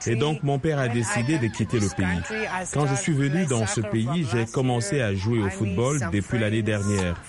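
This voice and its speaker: A man reading a translated voice-over of an interview in a calm, plain way. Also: medium pitch, normal speed, loud music behind the voice. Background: loud crowd.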